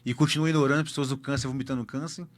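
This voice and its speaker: A man's voice: medium pitch, fairly even intonation, rapid-fire. A man with a Brazilian accent, a pastor telling a personal testimony emphatically and repeating key words for effect.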